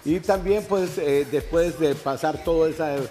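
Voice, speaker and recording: Chatty, effusive TV host. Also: male voice, fairly high pitch, measured pace, dark tone, soft background music. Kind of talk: casual chat interview. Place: TV set in a betting lounge.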